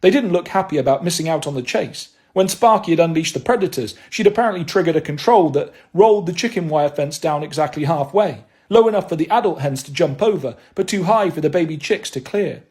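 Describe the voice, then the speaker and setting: A man's voice: a little high, expressive, a little fast, hardly any pauses, darkish tone. A man reading a first-person novel aloud, with a wry, dry delivery. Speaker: audiobook narrator.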